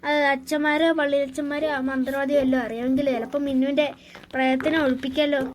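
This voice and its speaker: A woman voicing a cartoon character, chatty and quick, with a high voice. Faint noise sits behind her. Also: level tone. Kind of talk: cartoon voice acting.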